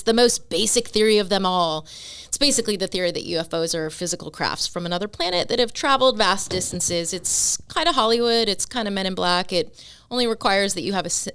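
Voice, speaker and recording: A woman's voice: on the low side, fairly bright tone, smooth. A young woman giving a playful mock lecture on a comedy podcast, often laughing through her lines. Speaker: guest presenter. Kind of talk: comedic podcast slideshow chat.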